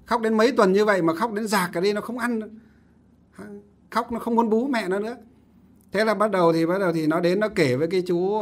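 Man, Buddhist monk, slightly high voice, storytelling sermon. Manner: conversational, animated storytelling. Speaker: Buddhist monk giving a dharma talk.

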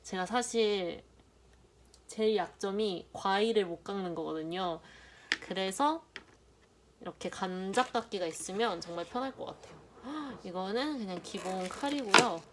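A woman's voice: medium pitch, normal speed. Chatty young woman unboxing, noisy background. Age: young adult. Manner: chatty, playful, muttering softly while handling items. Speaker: vlogger. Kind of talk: unboxing vlog narration. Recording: loud background noise.

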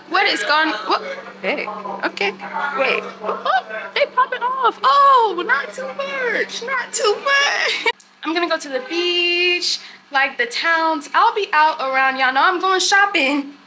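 A young woman on a travel vlog talks to the camera in a very high-pitched, slow voice, casual and full of energy. She's in a hotel room and on its balcony at night, outdoors by a city street, recording on a phone held out at arm's length.

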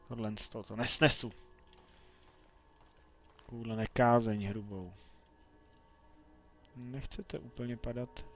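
Gravelly-voiced young male gamer, self-talking, playful let's-play commentary. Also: mid-range voice. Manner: chatty, talks to himself and the game, playful outbursts. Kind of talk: casual gameplay commentary.

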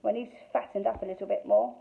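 A woman's voice: mid-range voice, sing-song, fast talker, gravelly. A woman voicing an ancient, greedy witch who eats children, with a crackly voice that coos and snaps, on a thin phone-like recording. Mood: crooning. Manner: cooing then snapping.

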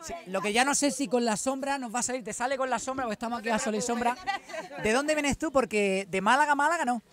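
A man's voice: very high voice, quick pace, crowd noise. A man in his thirties with an Andalusian Spanish accent, a playful field reporter interviewing people outdoors at a football ground with a handheld mic. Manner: playful, teasing, rallies crowds. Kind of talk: lively on-pitch interviews.

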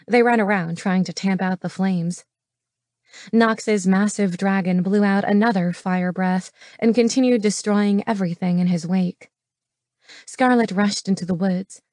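A woman reading an audiobook as its narrator, steady and matter-of-fact. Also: medium pitch, no room sound. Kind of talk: scripted narration. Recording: dry studio voice.

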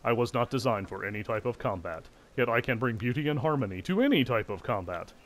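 Man putting on a ticking clockwork automaton, vain cheerful gem golem, staccato delivery, mid-pitched voice. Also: animated, quick pace, lightly acted. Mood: proud, chirpy. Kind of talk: reading game dialogue aloud.

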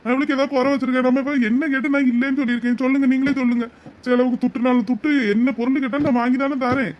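An aggrieved young cartoon husband, who piles up rhetorical questions. His voice sits very high and he talks fast. The audio is dull and lo-fi. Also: level tone, slight background noise. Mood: indignant. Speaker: cartoon voice actor. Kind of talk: cartoon voice acting.

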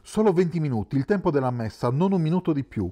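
A man's voice: on the high side, animated, fast talker, mellow, pitched above the performer's own voice. A man reading the part of a poor, trusting drinker in an audiobook, speaking earnestly in a slightly raised voice. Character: poor drifting male drinker, gentle, trusting.

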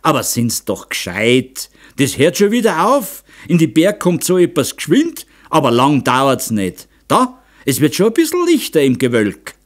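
Man doing a Bavarian hunter, young and hearty, folksy reassuring dialect, lively sing-song pitch, audiobook character voice. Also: a little slow. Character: cheerful young male mountain hunter.

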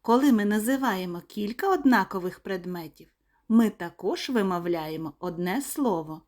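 A woman teaching small children in a slow, sing-song lesson voice, pronouncing each word clearly and deliberately. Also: medium pitch, animated, a little mellow. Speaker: kindergarten teacher.

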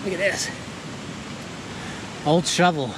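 A man vlogging outdoors in a mountain canyon, talking to the camera in a plain, laid-back way while he sets up camp. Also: high-pitched. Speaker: hiking vlogger. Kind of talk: casual outdoor vlog narration. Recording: loud rushing water noise. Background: waterfall and stream roar.

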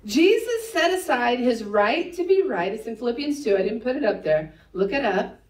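Woman pastor, fairly high and very animated, conversational sermon with playful asides; echoey church, slightly off-mic. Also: recorded from a distance. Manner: conversational, teasing asides with quick laughs. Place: church sanctuary.

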